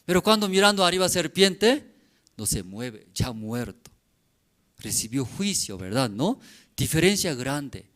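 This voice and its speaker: A pastor delivers a sermon in short, simple phrases, pausing often to ask his listeners questions. His pitch rises and falls a great deal. He speaks at an unhurried, deliberate pace. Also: sing-song, fairly bright tone. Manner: simple, broken phrasing peppered with rhetorical questions and "mm?"; repeats questions to a congregation addressed as brothers.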